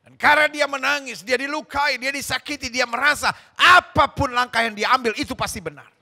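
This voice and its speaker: A middle-aged male pastor preaching a sermon with fervent emphasis, moving between hushed and emphatic delivery. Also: very high voice, brisk, vocal fry.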